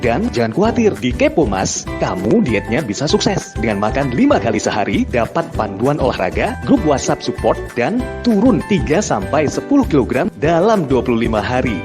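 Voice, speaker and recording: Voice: mid-range voice, big pitch swings, normal speed, hardly any pauses. A narrator reading an upbeat, persuasive scripted ad voice-over. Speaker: promo narrator. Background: music.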